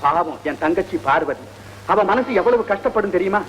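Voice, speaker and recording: A man's voice: sits high, animated, normal speed, fairly bright tone, a little hiss or hum, low-quality recording. A dry, mocking older father. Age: middle-aged. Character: weary, sarcastic father of a grown son. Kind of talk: classic film dialogue.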